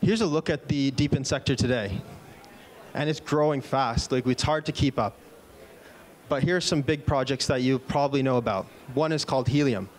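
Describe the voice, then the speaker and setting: Holding a handheld mic on the stage of a large indoor event room, a man in his thirties presents a product keynote at a conference. He sounds upbeat, with a medium pitch and normal speed, though he drops in a few fillers and restarts.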